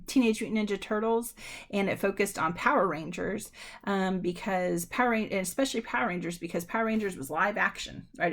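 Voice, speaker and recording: A woman lecturer talks her students through the material in a loose, conversational way, pausing on ums and restarting sentences. Her voice has a gravelly edge and sits at an ordinary middle pitch. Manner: addresses students directly. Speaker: university lecturer. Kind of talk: recorded lecture.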